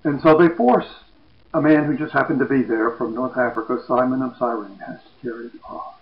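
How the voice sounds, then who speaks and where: A man preaching, retelling a scripture story slowly and dramatically. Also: medium pitch, vocal fry. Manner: slow, dramatic retelling, lively quoted voices. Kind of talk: sermon narration of scripture. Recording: echoey, dull sound.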